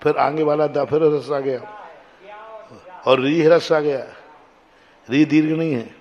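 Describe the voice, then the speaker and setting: Slow, patient man correcting recitation. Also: on the high side, fairly even intonation, muffled recording. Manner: patient, corrective, repeats syllables slowly to demonstrate. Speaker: Jain monk teacher. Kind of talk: correcting students' recitation of Sanskrit verse.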